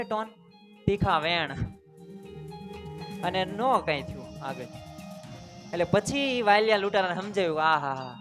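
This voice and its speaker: A man's voice: sits high, pushed and bright. A man giving a motivational storytelling talk to students at a school. He keeps asking the audience questions and calls for them to answer. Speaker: motivational speaker. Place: school seminar hall.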